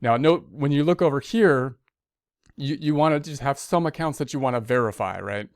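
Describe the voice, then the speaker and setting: Recorded at studio quality with no echo, a man with a mid-range voice walks through an accounting tutorial at normal speed. He's an instructor, informal and conversational, narrating each step in self-directed speech and repeating himself along the way.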